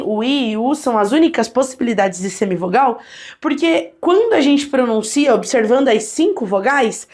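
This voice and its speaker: A woman teaching a Portuguese grammar lesson, talking straight to viewers and sounding out vowels and consonants for them to repeat. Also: high voice. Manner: lively, addresses viewers directly, models sounds aloud.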